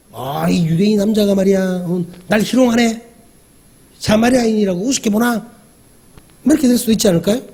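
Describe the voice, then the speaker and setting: This male pastor's voice sits high, with a dark, husky tone. His sermon is conversational: he often puts questions to the congregation and acts out the dialogue he describes.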